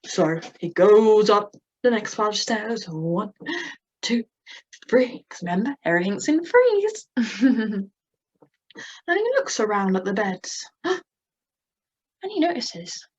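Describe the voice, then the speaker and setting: A woman's voice: medium pitch, lively intonation, takes it slowly, pauses often, slightly rough, muffled recording. A young woman expressively teaching children with puppets, punctuating her talk with gasps. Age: young adult. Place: indoors at a computer, virtual background.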